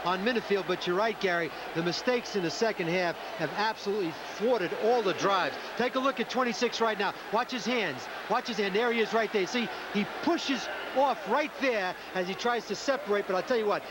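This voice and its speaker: An American man breaks down football replays as a color commentator, emphatic and repeating himself to drive points home. His voice is high for a man. Heavy noise runs through the old broadcast sound. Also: fairly quick, hardly any pauses. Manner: emphatic, repetitive, explanatory. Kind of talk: football analysis over replays. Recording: very noisy 1980s TV broadcast.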